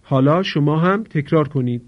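A man teaching Quran recitation rules, explaining briskly, then chanting example words slowly for students to repeat. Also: a little high. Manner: slow drawn-out recitation of example words between quick explanations. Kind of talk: tajwid lesson with call-and-repeat recitation. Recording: dull lo-fi recording.

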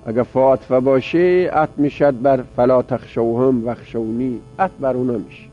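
A man's voice: mid-range voice, steady tone, soft background music. Man lecturing on grammar, lo-fi hum. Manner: repeats words aloud, drilling, explaining step by step. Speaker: teacher. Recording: dull lo-fi recording with mains hum.

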